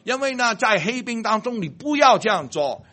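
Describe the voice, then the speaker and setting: A man telling a personal faith story about a car accident, checking that listeners follow him and stumbling over words when excited. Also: high voice, normal speed. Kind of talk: animated storytelling.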